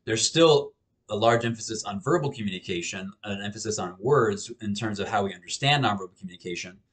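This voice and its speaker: A professor in his thirties records a lecture on a webcam in a small home office, talking casually and conversationally with frequent restarts and repeated words. His voice is fairly low and fairly bright, with lively intonation and a fairly quick pace.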